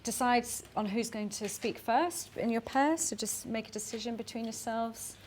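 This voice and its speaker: A woman's voice: on the high side, moderate pace, darkish tone, a little hiss or hum. A woman leading a workshop, giving chatty, encouraging instructions for a group exercise and laughing between them. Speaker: workshop facilitator.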